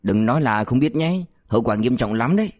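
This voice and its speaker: A man's voice: mid-range voice, animated, a little fast, a little mellow, lightly acted. A man voicing a cynical male cop who threatens and mocks a suspect. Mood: scheming. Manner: mocking, threatening, crude. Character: cynical, bullying male cop, sly and menacing.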